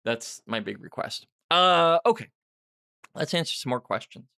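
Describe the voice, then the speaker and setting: This middle-aged man's voice sits fairly high, creaky and sharp, and he sounds animated at a moderate pace. As a podcast host and writer, he answers listener questions in a loose, unscripted way, rambling self-deprecatingly as he thinks out loud.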